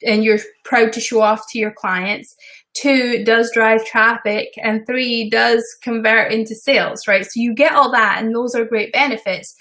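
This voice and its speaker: A woman's voice: fairly high pitch, a bit bright. Chatty Scottish woman designer. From Scotland. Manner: chatty and rambling, with frequent fillers and asides. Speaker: web designer hosting a live stream. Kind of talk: casual live-stream work session.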